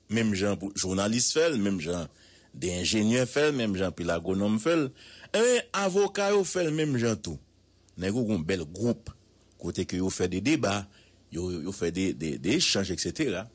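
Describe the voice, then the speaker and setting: A Haitian-accented man delivering news commentary on air. His husky, lowish voice swings widely in pitch, and he leans on drawn-out repetitions and rhetorical questions. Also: big pitch swings.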